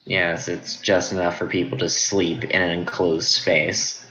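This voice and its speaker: A man with a very low voice and a crisp, forceful edge runs a tabletop game. He narrates slowly and matter-of-factly, in a casual measured way. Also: little pitch movement, poor audio. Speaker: game master.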